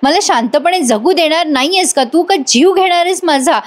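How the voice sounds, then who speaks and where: A woman's voice: high-pitched, moderate pace, voice pushed up, natural voice. A woman reading the lines of an angry, short-tempered male professor, scolding in exasperated outbursts.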